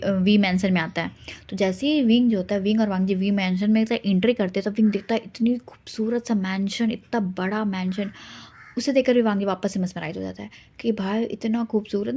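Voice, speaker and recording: A woman's voice: mid-range voice, warm tone, dull audio. A woman casually retelling a fan-fiction story in a chatty way, slipping in English words.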